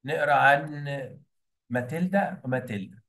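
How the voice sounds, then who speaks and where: A man's voice: fairly high pitch, normal speed, a bit bright. Egyptian teacher quizzing his class. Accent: Egyptian Arabic. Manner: quizzes the class with prompting questions. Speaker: English teacher. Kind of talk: classroom English lesson. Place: classroom with students. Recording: echoey room, mic at a distance.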